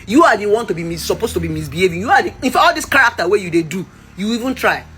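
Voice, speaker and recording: A woman's voice: mid-range voice, big pitch swings, racing, a bit bright, slight background noise. A Nigerian woman in her thirties giving a passionate, preachy commentary rant. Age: 30s. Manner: impassioned, preachy, mixes in Pidgin. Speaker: vlogger.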